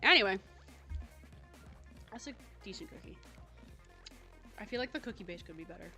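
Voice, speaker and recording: With music in the background, a young woman livestreams and eats while chatting casually with viewers, playful and giggly with frequent laughter. Her mid-range voice is expressive and moves at a moderate pace.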